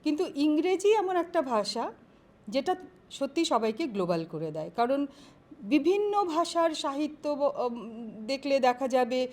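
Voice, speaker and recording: A woman professor answering interview questions on careers in a measured, explanatory way, pausing often to find her words. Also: sits high, animated, darkish tone. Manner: measured, explanatory, with frequent pauses and fillers.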